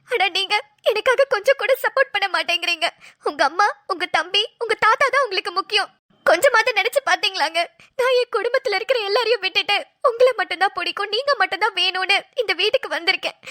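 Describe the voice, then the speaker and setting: A woman voices a hurt young newlywed wife in a Tamil cartoon drama, her complaints spilling out in tearful pleading. Her very high voice has a bright, sharp edge. The recording is close and dry, with no room sound.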